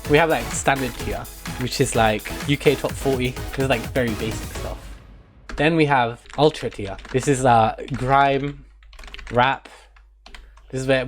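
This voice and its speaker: A man's voice: medium pitch, moderate pace, soft background music. A young British man streaming a mock lesson to his chat in a mock-serious manner, prone to chuckling.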